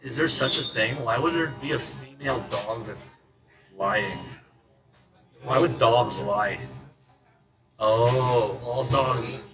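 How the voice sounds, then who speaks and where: A man's voice: medium pitch, measured pace. Rambling, cursing man over music. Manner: rambling, profane, laughing asides. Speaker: host. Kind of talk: casual rambling monologue.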